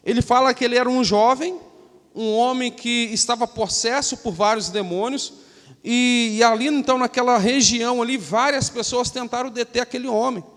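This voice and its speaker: A man's voice: very high-pitched, a bit bright. A man from Minas Gerais preaching a casual sermon, leading the service and often tagging his sentences with a questioning "né". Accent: Minas Gerais Portuguese. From Brazil. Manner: conversational, tags sentences with a questioning "né". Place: church hall. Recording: reverberant church hall from a livestream.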